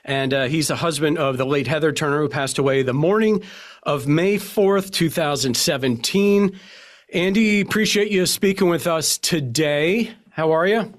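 Male podcast host, slightly high voice, short prompting questions. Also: normal speed. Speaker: podcast interviewer. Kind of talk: interview.

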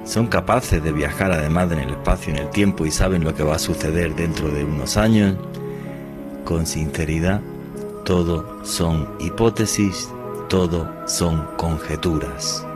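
Very low voiced guy hosting a mystery show, music playing under him. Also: a little slow. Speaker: radio host.

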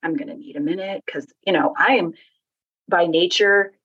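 A woman's voice: on the low side, normal speed, fairly bright tone, slightly rough, dull audio. A woman, an author guest, telling her story in casual faith-based conversation and acting out the voices of people she quotes.

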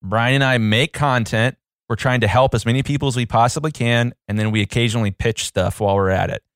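A man's voice: medium pitch, steady tone, quick pace, smooth, no echo, clean studio sound. A man co-hosting a casual podcast, playful and fond of putting on silly voices. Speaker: podcast co-host.

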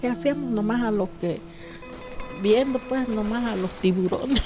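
A woman's voice: a little high, moderate pace, music in the background. An older woman with a Mexican Spanish accent recounting a past ordeal, acting out the quoted dialogue as she tells it. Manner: lively storyteller who acts out quoted dialogue. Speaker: survivor recounting her story. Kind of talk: recorded testimony.

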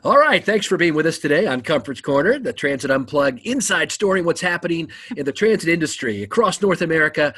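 Husky-voiced enthusiastic male podcast host. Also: fairly high pitch, expressive, brisk, hardly any pauses, sharp tone, soft background music. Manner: enthusiastic, many ums and uhs. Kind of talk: casual podcast talk.

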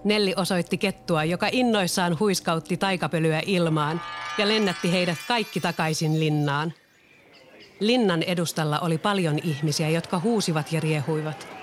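Calm children's story narrator. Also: mid-range voice, over music.

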